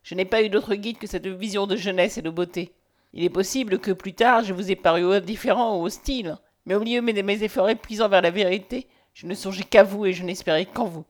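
A woman's voice: medium pitch, fairly even intonation, a little fast, lightly acted. A woman playing a passionate, domineering man in a storybook reading, close to the reader's own voice. He speaks with urgent, commanding ardour, pressing every question. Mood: ardent. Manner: impassioned, commanding. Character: ardent, domineering man declaring his love.

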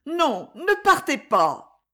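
A woman's voice: sits high, sing-song, a little slow, voice pushed up, heavily acted. A woman reading aloud and voicing a tender, emotional young woman in love, in a raised, pleading voice.

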